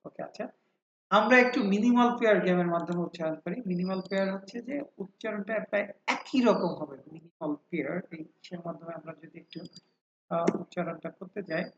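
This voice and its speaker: A man teaching English pronunciation in a classroom-style lecture. He patiently repeats example words many times and pauses often with hesitant fillers. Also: high voice. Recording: roomy, dull lo-fi sound.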